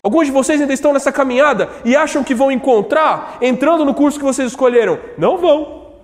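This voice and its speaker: Male preacher, high voice, dramatic shouts and hushes, hall echo. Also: fast. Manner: dramatic, swings from shouts to hushed low lines, slangy. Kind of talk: sermon. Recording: echoey hall reverb.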